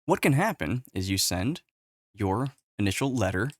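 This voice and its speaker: A man's voice: on the low side, very animated, moderate pace, no room sound, studio quality. A man casually explaining tech on a whiteboard, exasperated and profane, recorded on a webcam. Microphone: webcam with face overlay.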